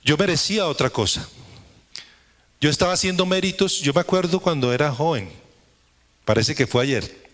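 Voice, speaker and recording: A man preaching in a church service with a fairly high voice. He works in an emphatic, repetitive cadence and keeps turning to the congregation with rhetorical questions. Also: normal speed, pauses often, fairly bright tone. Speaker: pastor. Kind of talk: sermon.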